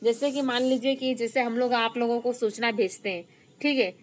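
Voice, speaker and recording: A woman teacher giving an online class lecture, explaining slowly, repeating key terms and stressing example phrases. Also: a little high, fairly even intonation, low-quality recording.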